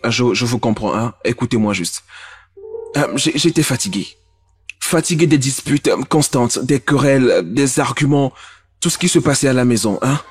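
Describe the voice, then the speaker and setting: An actor playing a nervous, apologetic grown son, in a French-dubbed film drama, hesitant with many fillers. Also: male voice, medium pitch, animated, normal speed, breathy edge. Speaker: son who faked his own kidnapping.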